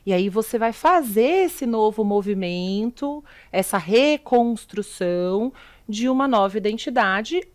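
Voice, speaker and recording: With an expressive, slightly mellow mid-range voice and a measured pace, a middle-aged woman with a Brazilian Portuguese accent shares her views. She's a sustainability executive on a videocast interview as a guest, asking rhetorical questions as she goes.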